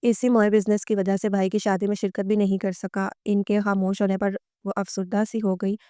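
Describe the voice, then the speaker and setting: Woman reading a novel out loud, steady, flat, kinda dark voice, dry close mic. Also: mid-range voice, a little fast, smooth, no echo. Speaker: novel narrator. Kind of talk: scripted narration of a romance novel.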